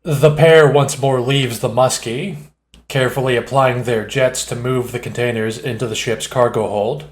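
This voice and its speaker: Steady male audiobook narrator. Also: mid-range voice, moderate pace. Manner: steady, descriptive. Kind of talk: scripted narration. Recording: roomy echo.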